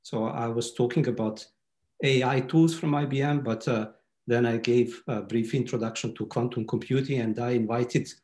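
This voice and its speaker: A man's voice: mid-range voice, fairly even intonation, moderate pace, a little mellow. A man in his forties from Serbia, a native Serbian speaker, giving a webinar talk over a video call with many hesitant fillers. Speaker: guest speaker. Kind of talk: webinar presentation. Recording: roomy echo.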